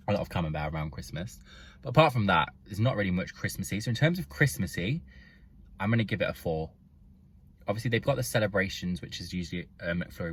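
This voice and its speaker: A young man casually reviewing fast food to camera from inside his car, chatting between bites and often talking with his mouth full. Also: low voice, slightly rough. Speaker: vlogger.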